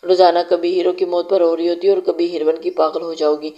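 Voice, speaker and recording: A woman's voice: on the low side, level tone, fairly quick, dark tone, muffled recording, natural voice. A woman voicing a firm, scolding mother in a read-aloud romance. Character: middle-aged mother, brisk and scolding.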